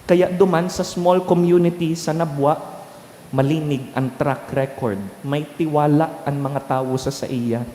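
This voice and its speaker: Slow, mellow-voiced priest in an echoey church. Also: male voice, a little high, fairly even intonation, slight background noise. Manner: slow, unhurried homily mixing Bikol and English. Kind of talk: sermon. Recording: echoey church with long reverb.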